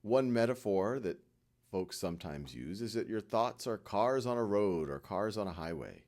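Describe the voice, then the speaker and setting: With a somewhat low, expressive voice, a man leads a meditation session. He offers short, reassuring instructions gently, pausing often in between.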